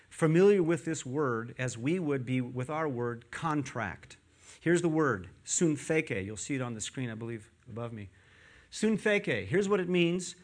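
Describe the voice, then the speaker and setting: Animated joking man preaching a sermon. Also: on the high side. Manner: animated, quizzing the congregation, joking asides. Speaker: pastor. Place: church with a screen behind him.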